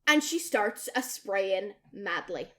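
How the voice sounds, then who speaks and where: A young woman co-hosting a podcast tells a story in relaxed conversation, her voice medium in pitch and her pace unhurried. She's lively, curses freely, and acts out what other people said.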